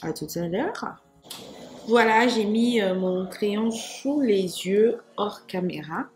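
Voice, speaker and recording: A woman talking her viewers through her makeup in a casual, teasing way, joking about herself as she goes. Her pitch sits in the middle, and faint music plays behind her. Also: slow, a little mellow. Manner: playful, self-mocking, chatty asides to viewers. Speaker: makeup vlogger.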